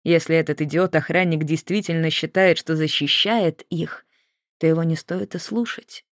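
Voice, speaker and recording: A narrator reading a novel aloud in a steady, measured way. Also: medium pitch, dry recording, clean studio sound. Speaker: audiobook narrator.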